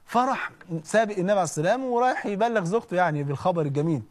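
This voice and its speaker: A man with an Egyptian accent preaching in an animated, conversational storytelling way, often checking in with listeners. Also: high-pitched, rapid-fire. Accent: Egyptian Arabic. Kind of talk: storytelling sermon.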